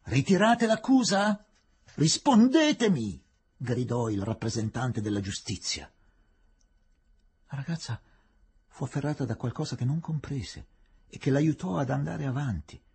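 Husky, breathy male audiobook narrator. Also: medium pitch, normal speed, pauses often. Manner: expressive, dramatic reading.

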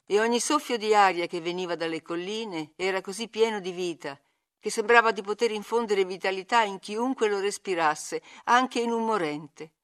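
A woman narrates a classic novel as an audiobook, reading in a measured, expressive way at medium pitch.

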